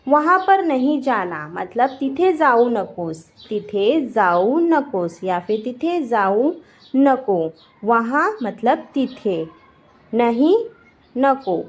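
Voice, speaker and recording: A woman teaching a language lesson, repeating each short phrase twice in a clear, deliberate way. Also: a little high, highs cut off.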